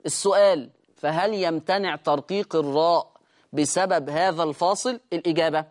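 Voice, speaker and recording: Egyptian-accented tutor of recitation, patient drills, checks in often. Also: medium pitch. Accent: Egyptian Arabic. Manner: drills words slowly and repeatedly, checks in with listeners. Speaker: Quran recitation teacher. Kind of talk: explanatory recitation lesson.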